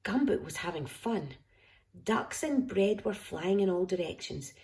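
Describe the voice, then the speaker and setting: A woman reading a picture book aloud to a child, expressive and affectionate, dropping at times into hushed whispers. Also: medium pitch, measured pace. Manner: affectionate toward listener. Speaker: storyteller.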